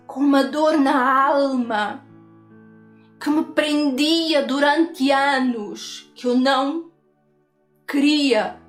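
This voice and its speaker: High-voiced woman giving earnest testimony. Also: reverberant. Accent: European Portuguese. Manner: earnest, repetitive storytelling with tag questions. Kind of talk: personal faith testimony.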